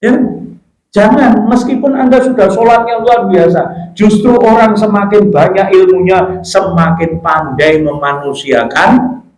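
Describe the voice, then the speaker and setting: A middle-aged preacher with a Javanese accent delivers a sermon in a playful, joking way. His voice sits fairly high. It rings around an echoey mosque hall. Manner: lively, joking with the congregation, slips into Javanese phrases.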